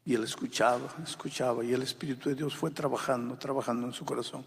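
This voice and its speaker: A man preaching a sermon with great feeling, swelling to loud, high pleas and dropping to hushed, quiet lines. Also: fairly even intonation, fast talker, creaky, breathy edge, in a large hall. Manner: impassioned preaching, swells loud then drops to near whisper. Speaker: pastor.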